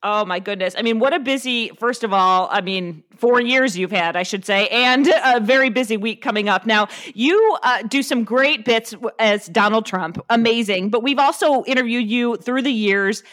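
A woman hosting an interview, enthusiastic and quick to praise her guest. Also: on the high side, fairly bright tone. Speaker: interview host. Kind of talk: interview chat.

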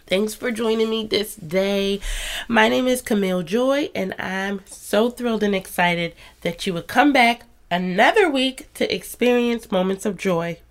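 A woman in her thirties hosts a casual faith podcast monologue, stuffy and congested from a cold. Her mid-range voice moves a little slowly, warm, chatty and encouraging, with soft laughs.

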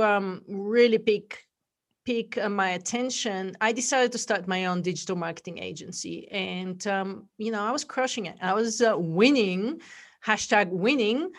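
Bulgarian-accented woman telling her story. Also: mid-range voice. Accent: Bulgarian, mixed with Australian and American. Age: middle-aged. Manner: warm storytelling, frequent fillers and laughs. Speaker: podcast guest. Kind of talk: casual interview chat.

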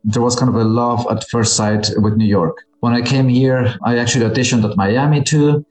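A man in his forties from Argentina, a musician guest telling his story thoughtfully, with frequent pauses and fillers. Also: medium pitch, fairly even intonation, darkish tone, roomy sound, rough recording. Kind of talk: interview conversation.

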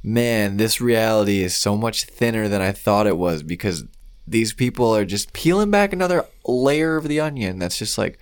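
A man's voice: on the low side, lively intonation, moderate pace. A man co-hosting a casual podcast chat in a jokey, easygoing conversational way. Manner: jokey, laughs often. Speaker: podcast co-host.

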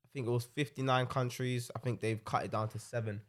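Fast-talking young London roadman. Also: mid-range voice, steady tone. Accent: London-style urban British, roadman slang. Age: young adult. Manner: slangy, tags sentences with "innit". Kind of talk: casual chat, anecdotes.

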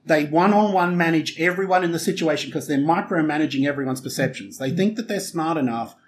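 A man co-hosting a podcast who is opinionated and emphatic in casual chat, often telling stories with quick asides. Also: a little high, a little hiss or hum. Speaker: podcast co-host.

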